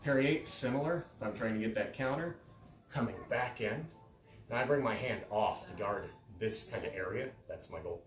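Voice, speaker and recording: In a carpeted living room, a man in his thirties offers casual fencing instruction in a mid-range voice at normal speed. Captured by a camera several steps away, the audio sounds distant and echoey, with soft music in the background.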